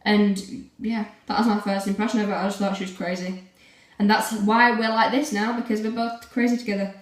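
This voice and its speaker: A woman's voice: mid-range voice, flat delivery, brisk. A teenage girl chatting casually to camera in a rambling way, full of fillers. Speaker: vlogger. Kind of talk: casual vlog chat. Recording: roomy, from a distance.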